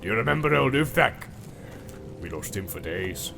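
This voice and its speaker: Audiobook: male narrator doing a low, gravelly, snarling orc captain, soft music under. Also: very animated, normal speed. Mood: gloating. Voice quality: gravelly, growling.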